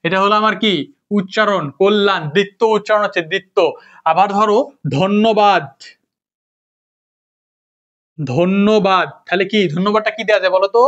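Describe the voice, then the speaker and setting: Fast and level in tone, a young man's high, fairly bright voice runs a casual lesson in which he keeps repeating the same questions to his students. The audio is lo-fi and dull.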